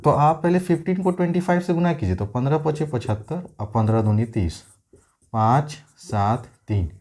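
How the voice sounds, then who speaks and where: A man's voice: mid-range voice, lively intonation, moderate pace, darkish tone. A man teaching a maths lesson step by step, asking his students questions and answering them himself. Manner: speaks the students' replies for them. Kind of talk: classroom lesson.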